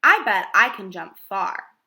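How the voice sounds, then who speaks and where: A woman's voice: medium pitch, very animated, measured pace, creaky, bright, forceful tone, exaggerated voice. A woman teacher voicing a boastful young male rabbit while reading a picture book aloud. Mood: bragging. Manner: bold, bragging storybook voice.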